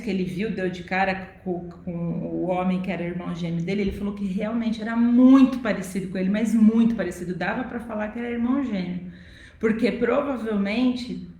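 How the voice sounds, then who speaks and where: A woman's voice: medium pitch, a little mellow. A woman with a Brazilian Portuguese accent giving a spiritist lecture, telling a story conversationally and repeating phrases for emphasis. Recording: roomy echo.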